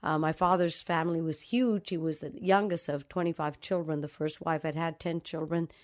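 A woman's voice: low-pitched, fairly even intonation, normal speed. A woman from the Dominican Republic, a novelist giving reflective, storytelling answers in an interview. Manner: thoughtful, acts out remembered dialogue.

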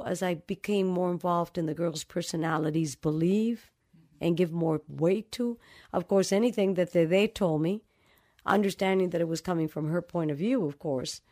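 This woman's lowish voice carries a warm tone as she, a novelist from the Dominican Republic, tells stories in reflective interview answers. Thoughtful throughout, she performs dialogue from memory.

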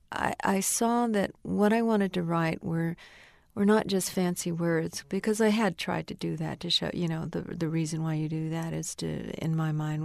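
A woman novelist speaks thoughtfully in an interview, her voice low and gravelly. The recording is dry and close, with no room sound around her. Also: no room sound. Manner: reflective, thoughtful. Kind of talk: interview conversation.

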